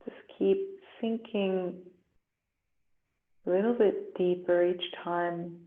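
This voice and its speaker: A yoga instructor with a slightly low voice and fairly even intonation guides a relaxation meditation very slowly and gently, leaving long pauses. The recording sounds roomy and echoing, thin and muffled like a phone.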